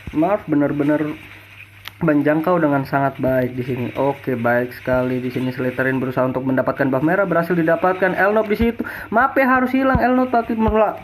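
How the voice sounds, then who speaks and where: A high-pitched man calls an esports match like a fighting game announcer. He is excited, repeats names and fires off rhetorical questions over faint background noise. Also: low-quality recording. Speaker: esports commentator. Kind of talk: fighting game announcer style play-by-play commentary of a mobile game match.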